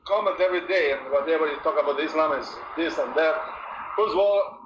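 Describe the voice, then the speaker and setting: A man's voice: on the high side, a little fast, background noise. A man from Albania calling in to a show, answering in a hesitant, noncommittal way. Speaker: caller. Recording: distant echoey phone call.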